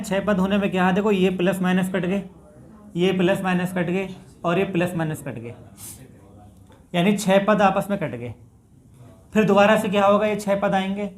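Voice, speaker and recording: A man with a north Indian Hindi accent, teaching a maths class step by step and addressing his students as "bhai". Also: high voice. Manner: talks through steps, addresses students as bhai.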